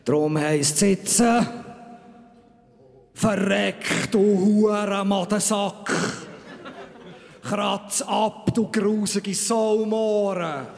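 A scornful, self-important archangel, as a man acts him out on stage, declaims in a Bernese Swiss German accent at a drawn-out, ceremonious pace. His live spoken-word performance rings out in a hall with a long reverb. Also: fairly low pitch, full character voice. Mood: raging. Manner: slow, solemn proclamations that turn into shouted insults. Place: stage in front of a live audience.

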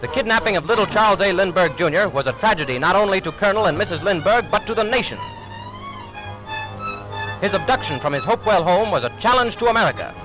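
A man's voice: high voice, lively intonation, fast. A man narrating an old 1930s newsreel in an urgent, declaiming announcer delivery, heard as an archival soundtrack. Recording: distant old newsreel recording with music.

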